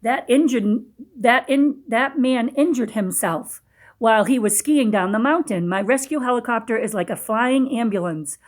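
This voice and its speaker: Reading a storybook aloud to young children, a woman stops now and then like a teacher to pose questions and give simple explanations. Her pitch sits fairly high.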